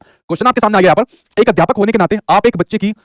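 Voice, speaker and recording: A man's voice: high-pitched, no echo, clean studio sound. A man teaching an exam-prep lesson, asking questions and answering them himself. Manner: rapid, repeats his own questions back to the viewer.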